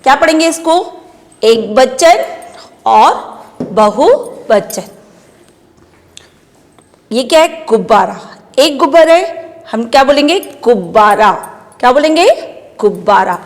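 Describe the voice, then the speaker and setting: Slow, patient woman teacher, echoing room. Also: high voice, lively intonation. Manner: patient, repeats questions and answers for children. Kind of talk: primary school Hindi lesson.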